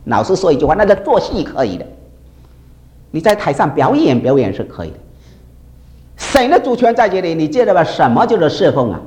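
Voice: medium pitch, sing-song, brisk, long pauses, a little mellow. A preacher giving an emphatic sermon who keeps asking the congregation rhetorical questions.

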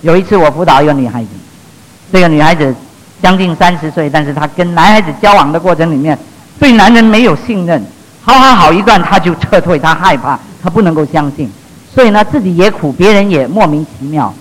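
High-voiced male preacher telling stories. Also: lively intonation, fairly quick, low-quality recording. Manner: storytelling, swings between loud emphasis and hushed asides. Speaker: pastor. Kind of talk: sermon.

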